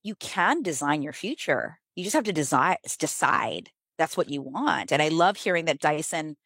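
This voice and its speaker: A woman's voice: moderate pace, slightly rough, no echo. A middle-aged American woman, a business author, talking casually in an interview with lots of "like" and sudden emphatic rises. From United States. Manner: animated, filler-heavy, emphatic pitch jumps.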